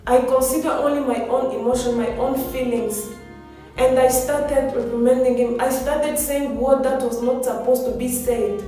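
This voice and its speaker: A woman's voice: high voice, mellow. A woman giving a motivational speech in an earnest, exhorting way, repeating phrases for emphasis. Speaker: motivational speaker. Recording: very echoey, distant mic, music behind.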